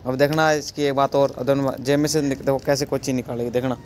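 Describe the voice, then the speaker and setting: A man's voice: mid-range voice, level tone, quick pace, darkish tone, a little hiss or hum. A man vlogging outdoors, talking casually and coaxing animals in a playful voice. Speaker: vlogger feeding monkeys. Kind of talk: casual vlog narration.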